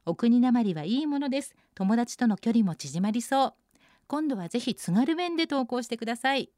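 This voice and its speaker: A woman hosting a radio segment, reading out listener posts and adding bright, chatty comments on each one. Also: a little high, lively intonation, a little fast, no room sound, clean studio sound. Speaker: radio host.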